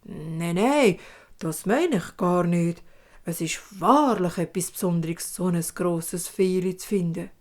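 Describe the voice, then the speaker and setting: Wise old father, played by a Swiss German woman, slow, soft and reassuring. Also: lowish voice. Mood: calm. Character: calm older father, gentle and wise.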